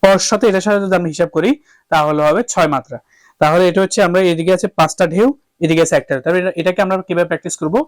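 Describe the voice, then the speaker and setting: With a high voice, fairly even intonation and a quick pace, a man leads a singing class over harmonium in a dry recording. Each step gets explained, "okay?" comes up often as he checks in, and he then sings drawn-out vowel drills.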